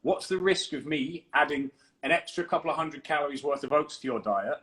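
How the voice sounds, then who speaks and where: A man's voice: fairly high pitch, brisk, a bit bright, rough recording. A man co-hosting a podcast, explaining nutrition in a confident, emphatic coaching manner. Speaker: fitness coach and podcast co-host.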